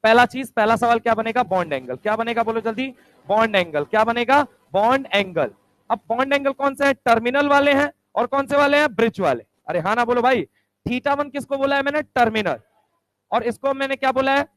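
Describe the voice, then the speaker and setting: High-voiced man drilling a chemistry class. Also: animated, a bit bright, no room sound, poor audio. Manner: drills students with quick rhetorical questions; answers his own questions aloud. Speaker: chemistry teacher. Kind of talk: classroom lecture.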